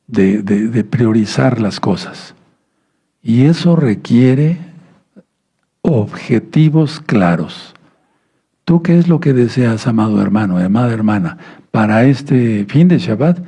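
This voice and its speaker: A man preaches a sermon in a patient teaching tone. His voice is gravelly and a little husky, with a warm, dark colour. He stumbles over and restarts words and keeps asking his listeners whether they follow. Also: mid-range voice. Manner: teaching tone, many restarts and stammered words, asks the audience "¿sí?".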